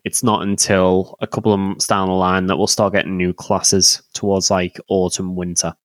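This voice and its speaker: Co-host, young man, relaxed questioning manner, dry close-miked voice. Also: sits low, moderate pace, no echo. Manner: easygoing, asks questions, dry remarks. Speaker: podcast co-host. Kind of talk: casual gaming podcast chat.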